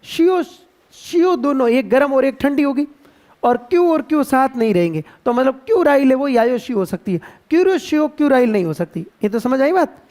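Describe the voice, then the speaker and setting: A man with a Rajasthani Hindi accent teaching geography to a class, playful and quizzing students with drawn-out repetitions. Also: very high-pitched, lively intonation, darkish tone. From India. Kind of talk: classroom lecture.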